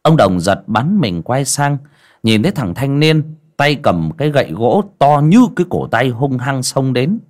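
A man narrating a dramatic audio story in an expressive reading style. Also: mid-range voice, measured pace.

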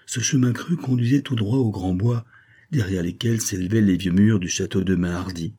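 A man with a low, mellow voice reads a classic adventure novel aloud. His tone is dark and a little husky, and he steps up in pitch whenever a character speaks. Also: moderate pace. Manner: reads all characters, raising pitch for their lines. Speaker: audiobook reader. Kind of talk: scripted narration.

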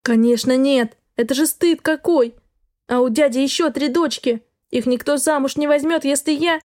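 A woman's voice: high voice, normal speed, a little mellow, no room sound, studio quality, natural voice. A woman reading an audiobook, voicing a frightened, desperate young female student who speaks through sobs and pleads. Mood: pleading. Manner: sobbing, pleading, breathless. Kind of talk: audiobook dialogue.

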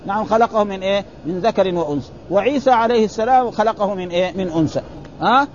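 A man's voice: high voice, a little mellow, a little hiss or hum. A man teaching hadith in a casual spoken style, explaining with everyday examples and often asking his listeners if they follow. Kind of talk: hadith lesson in colloquial Arabic. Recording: dull lo-fi recording.

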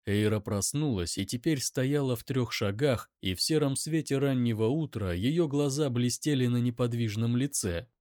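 A man's voice: mid-range voice, normal speed, hardly any pauses, a little mellow, no room sound, clean studio sound. A man reading a first-person story aloud as an audiobook narrator, with dramatic delivery.

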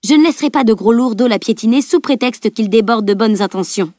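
A woman's voice: a little high, quick pace, a little mellow, dry recording, studio quality, lightly acted. A woman reading an audiobook voices a self-assured adult woman warrior who speaks firmly and plainly. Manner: firm, plain-spoken.

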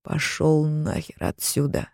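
A woman reading an audiobook, voicing a furious, menacing man who speaks slowly and threateningly. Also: low-pitched, steady tone, warm tone, no echo, clean studio sound. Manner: slow, hissing, threatening delivery.

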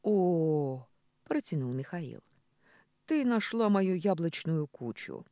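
Brief: woman reader playing a jovial, loud bearded villager, dry close recording. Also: on the low side, big pitch swings, slow pace, no room sound, heavily acted. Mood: jovial teasing. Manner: laughing, loud.

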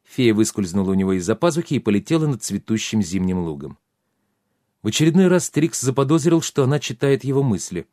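A man's voice: mid-range voice, no echo, studio quality. Man narrating a fantasy audiobook. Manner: steady, measured storytelling.

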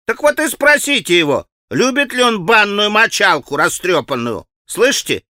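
Shrill jeering schoolboys, put on by a man. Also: very animated, normal speed, dry recording, clean studio sound, full character voice. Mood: taunting. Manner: shrill taunting shouts. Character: shouting gang of schoolboys, rowdy, jeering.

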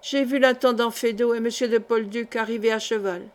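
Earnest young officer, proud and sincere, read by a woman in an audiobook, a bit high. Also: fairly even intonation, fairly quick, lightly acted.

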